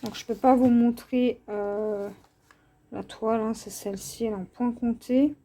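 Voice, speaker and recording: A woman hosting her own craft channel, showing her cross-stitch canvases in a casual, unhurried vlog, hesitant and full of fillers. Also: fairly high pitch, fairly even intonation, dark tone. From France. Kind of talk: casual show-and-tell vlog.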